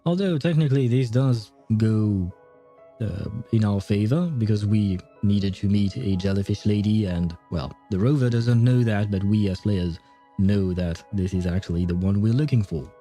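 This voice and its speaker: A man's voice: on the low side, moderate pace, mellow, soft background music. A man giving casual game commentary as a streamer, in an amused, hesitant, rambling way. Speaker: gaming streamer playing through a story.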